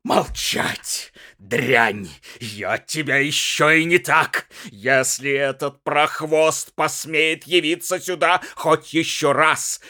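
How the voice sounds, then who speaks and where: A man's voice: dry recording, clean studio sound, full character voice. Man doing a drunk, raging jealous husband. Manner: shouting, berating, high strained yells. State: slightly drunk. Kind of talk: dramatic audiobook reading.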